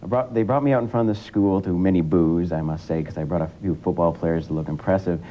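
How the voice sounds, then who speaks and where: A teenage student guest talking in a relaxed, rambling way with many fillers, heard through an old 1980s TV broadcast. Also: male voice, fast talker. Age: teens. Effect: old 1980s TV broadcast sound. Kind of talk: casual broadcast interview. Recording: dull lo-fi 1980s TV broadcast with faint rumble.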